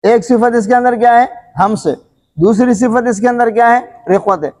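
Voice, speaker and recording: A male tajweed teacher with a fairly high voice, explaining rules patiently and throwing questions at his class before answering them himself. He clears his throat and coughs from time to time, and his words ring out with a long reverb. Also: a little mellow. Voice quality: repetitive question-and-answer teaching, frequent filler phrases. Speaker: Quran recitation teacher.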